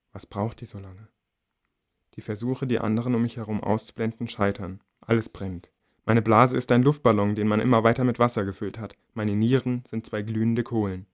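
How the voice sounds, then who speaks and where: A man narrates a novel in the first person as an audiobook reader. His voice sits at a middle pitch, and his reading stays measured, quiet and intimate.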